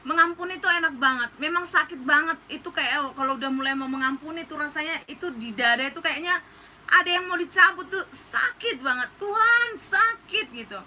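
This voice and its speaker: A woman's voice: high voice, a little fast, bright, forceful tone, slight background noise, poor audio. A woman pastor giving an earnest, casual counseling talk that slips into slang.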